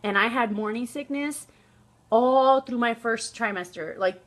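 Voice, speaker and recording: A young woman vlogger telling a personal story in a casual, animated way, laughing often. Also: fairly high pitch, measured pace.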